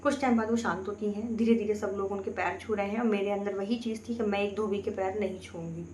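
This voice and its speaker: Woman storyteller, earnest first-person recounting, medium pitch, echoey room. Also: steady tone, quick pace, a little mellow, a little hiss or hum. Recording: roomy echo, faint ambience.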